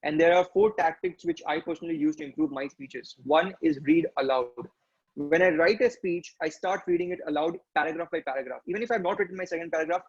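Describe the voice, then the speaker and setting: A man with an Indian English accent giving a speech-craft training talk, fast and instructive, often checking in with "right?". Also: a little high, husky, lo-fi sound. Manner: instructive, fast, frequent tag questions. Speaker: public speaking trainer.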